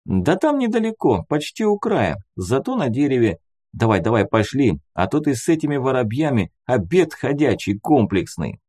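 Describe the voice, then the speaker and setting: A man voicing a brash young male companion who talks in a brisk, joking, pushy way. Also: medium pitch, big pitch swings, a little mellow, breathy edge, pitched above the performer's own voice. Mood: urging.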